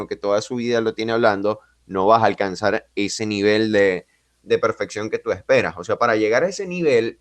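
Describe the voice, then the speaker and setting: This Venezuelan man hosts a podcast interview, speaking in a mid-range voice with a reflective, chatty manner and a bit of self-deprecating humor. It's a casual interview conversation, and there's no room sound.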